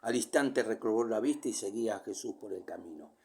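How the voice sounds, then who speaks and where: A man preaching a sermon, reading scripture verse by verse and explaining it, his voice swinging from loud calls down to near whispers. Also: lowish voice, lively intonation, fairly quick, vocal fry.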